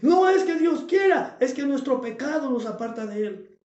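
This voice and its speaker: A male preacher delivers a fervent sermon in a high voice, driving points home with shouts and repeated phrases. The recording is echoey and lo-fi, with a roomy, dull sound. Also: expressive, normal speed. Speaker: pastor.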